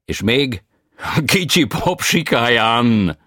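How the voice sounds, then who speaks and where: A man voicing an expatriate male opera tenor who speaks in halting, broken grammar, slowly and emphatically, in an audiobook reading. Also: medium pitch, sing-song, sharp tone, no echo, studio quality, voice pushed up. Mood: earnest, eager.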